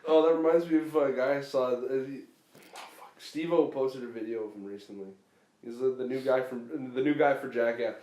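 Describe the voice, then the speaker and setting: A man co-hosting a podcast in casual chat, excitable and full of profane banter. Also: mid-range voice, brisk. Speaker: podcast co-host. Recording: roomy echo.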